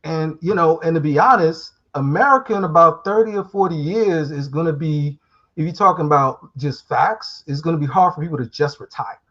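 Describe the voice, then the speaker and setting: Man on a muffled call, a bit high. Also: fairly quick, pushed and bright. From Guyana. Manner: rambling, reflective, street slang. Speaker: guest calling in. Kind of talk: casual live-show discussion. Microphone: remote call.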